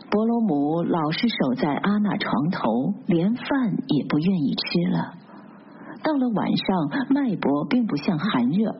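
A woman narrating a literary novel aloud in a steady, measured storytelling manner. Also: on the low side, slight background noise. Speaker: audiobook narrator. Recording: dull lo-fi recording.

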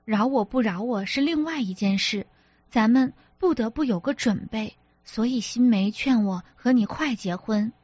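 A woman's voice: fairly high pitch, moderate pace, darkish tone, dry recording, muffled recording, lightly acted. A woman reader voicing an apologetic, exasperated young husband who pleads and defends himself, as an audiobook character. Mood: placating.

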